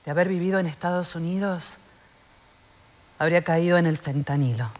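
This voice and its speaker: A woman's voice: on the low side, moderate pace, a little mellow, lightly acted. An actress delivering a stage monologue as a lonely, anxious woman turning forty who mocks herself. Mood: weary. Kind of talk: theatre monologue recording.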